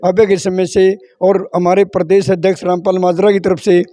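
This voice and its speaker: A man's voice: sits high, little pitch movement, normal speed, warm tone, dry recording. A man from Haryana, speaking as a party supporter in a street interview, emphatically stacking up points in repeated phrases. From Haryana, India.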